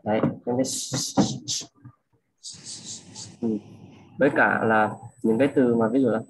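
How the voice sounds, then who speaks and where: A young man casually tutoring a classmate, repeating words and slowly modelling pronunciation. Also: mid-range voice, steady tone, husky, rough recording. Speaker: student coaching a classmate.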